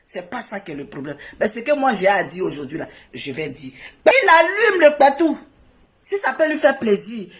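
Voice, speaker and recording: A middle-aged woman, seated indoors, delivering an emotional and defiant monologue, swinging from loud outbursts to quiet mutters. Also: fairly high pitch. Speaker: online personality addressing a rival. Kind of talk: emotional live video monologue.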